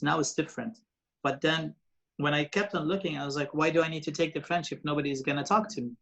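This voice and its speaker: His voice is a little high and fairly bright, captured in poor audio. He is in his forties, grew up in Lebanon with Arabic as his first language, and works as a radio presenter and TV host; as an interview guest he tells stories casually, full of fillers and restarts.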